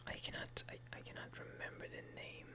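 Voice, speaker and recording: A man who is a native Hebrew speaker whispers a casual, hesitant, unhurried ASMR chat in English. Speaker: ASMR video maker. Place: quiet room at home at night.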